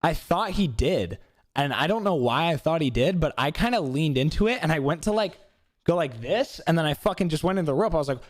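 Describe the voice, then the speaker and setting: A man's voice: on the high side, a little fast, no echo, clean studio sound. Young man swearing through a fight reaction. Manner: animated, swears often, breaks down his own mistakes. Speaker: YouTuber reacting to his own fight. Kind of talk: casual reaction commentary.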